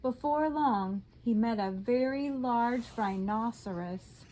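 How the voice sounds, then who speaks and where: A woman teacher reading a picture book aloud to her class in a slow, expressive storyteller voice that drops soft on the tag lines. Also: a little high, very noisy.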